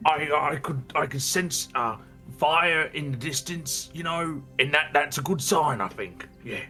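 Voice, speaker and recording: Very bright-voiced man at a game table. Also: fairly high pitch, a little slow. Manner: repeats his phrases. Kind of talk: casual chat during a tabletop game. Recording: music behind the voice.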